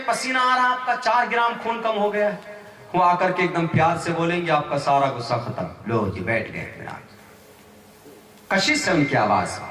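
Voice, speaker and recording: Animated preacher, high bright voice. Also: male voice. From India. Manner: animated, emphatic, recites Quranic Arabic. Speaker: Islamic preacher. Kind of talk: sermon. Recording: echoey hall, mic far off.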